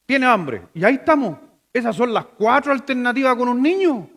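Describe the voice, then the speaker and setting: A middle-aged Chilean man delivers a sermon from the pulpit, his voice pitched noticeably high for a man. He talks to the congregation as if chatting, tossing them rhetorical questions. Now and then he stumbles and restarts a phrase. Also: animated, fairly quick. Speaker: pastor.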